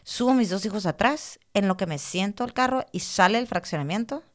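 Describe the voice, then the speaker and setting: A woman, a podcast guest telling a personal story in a casual, animated way and repeating words for emphasis. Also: mid-range voice, brisk.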